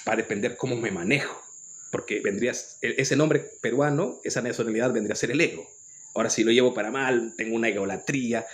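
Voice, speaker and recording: An earnest man with a Peruvian accent delivers a lecturing spiritual monologue straight to his audience. His voice sits at an ordinary middle pitch, and he often breaks off and restarts his phrases as he goes. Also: fast. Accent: Peruvian Spanish. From Peru. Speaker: spiritual commentator.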